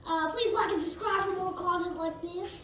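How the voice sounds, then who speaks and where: A woman giving excitable live gameplay commentary, jumping between hyped shouts and low mumbles. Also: normal speed. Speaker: gaming video creator. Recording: roomy echo with faint noise.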